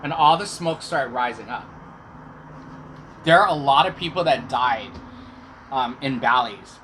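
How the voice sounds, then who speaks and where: A man's voice: medium pitch, lively intonation, measured pace, a bit bright. A middle-aged man telling personal stories casually to viewers, chewing while he talks. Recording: clear background noise.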